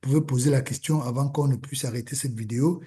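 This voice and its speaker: A man's voice: medium pitch, fast, mellow. A man leading an online learner group, urging them on, with many fillers and repeated words. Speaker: meeting facilitator. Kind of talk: encouraging talk to a learner group.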